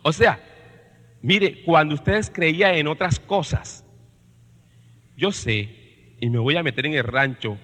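Preaching as a priest in a large hall with long reverberation, this man uses a Colombian Caribbean Spanish accent from the country's Caribbean coast. His voice sits on the higher side and is fairly bright, moving at a slow pace with frequent pauses. Emphatic and sermon-like, he repeats phrases and puts questions to the congregation.

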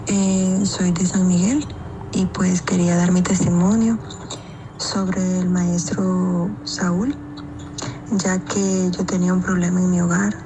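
A woman giving a customer testimonial in a steady, flat delivery. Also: lowish voice, slow pace, background noise. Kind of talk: read testimonial. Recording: music bed behind.

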